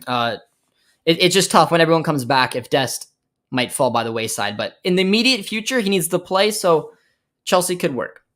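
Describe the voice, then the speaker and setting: A young American man hosts a live football watchalong, chatting casually with viewers in a slightly high, fairly bright voice. His intonation is lively and his pace moderate as he reacts to the play, reads chat, and thinks aloud with plenty of fillers.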